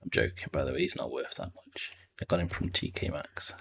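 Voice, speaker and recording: A man's voice: very deep voice, a little fast, vocal fry, fairly bright tone, slight background noise. A man chatting casually and jokingly while streaming a zoo-building game. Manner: playful, joking asides to chat.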